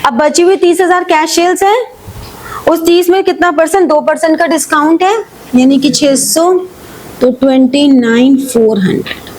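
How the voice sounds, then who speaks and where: A woman's voice: high voice, darkish tone, slight background noise, rough recording. A woman accountancy teacher, working through journal entries step by step and often checking whether students follow. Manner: reads question text slowly, then explains in quick Hindi-English mix; checks understanding with frequent "ठीक है" and questions. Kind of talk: live online class, solving problems step by step.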